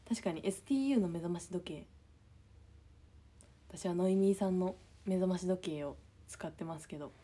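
Young woman, idol streamer reading comments, husky, mellow, sleepy half-whispered chat. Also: moderate pace. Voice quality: husky, a bit low. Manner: just-woken, soft and drowsy, often near-whispered. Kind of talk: casual livestream chat.

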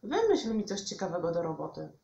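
A woman's voice: on the low side, huge pitch swings, brisk, gravelly, warm tone, full character voice. A woman voicing a bored, whiny young male squirrel in a storybook reading. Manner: whiny, sighing. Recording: echoey room, dull lo-fi sound.

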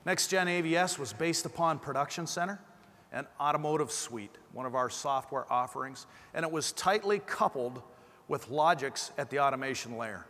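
A man's voice: on the high side, normal speed, fairly bright tone. A middle-aged man with a slight lisp, giving a keynote presentation on a conference stage through a lapel mic. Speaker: company presenter. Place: large conference stage indoors. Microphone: clip-on lapel mic. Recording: amplified hall with long reverb.

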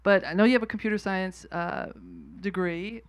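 A woman moderating a fireside chat, asking questions in a relaxed, conversational way into a handheld mic. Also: medium pitch, normal speed. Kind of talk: interview questions on stage. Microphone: handheld mic, seated.

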